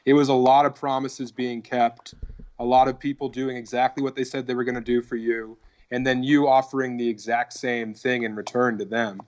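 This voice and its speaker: Through a muffled recording, a man with a medium-pitched, darkish voice speaks flatly at a moderate pace. The Colorado comedian in his thirties is guesting on a video call for a casual podcast, rambling profanely and leaning on "like" and "dude."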